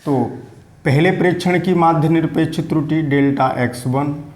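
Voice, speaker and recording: A male physics teacher giving a whiteboard lesson, patient, repeating himself and dictating definitions slowly to students. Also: fairly high pitch, darkish tone, reverberant.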